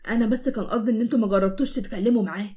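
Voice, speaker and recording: A woman voicing a gentle, soothing young man in an Egyptian cartoon story. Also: fairly high pitch, steady tone, very fast, natural voice. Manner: soothing, apologetic.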